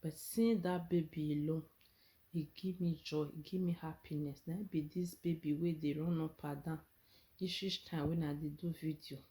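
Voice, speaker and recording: A woman's voice: deep voice, steady tone, normal speed, warm tone. A woman with a Nigerian accent chatting in Nigerian Pidgin as a vlogger, earnest and encouraging, often checking that listeners understand. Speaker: vlogger sharing her experience. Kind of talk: casual personal vlog in Nigerian Pidgin.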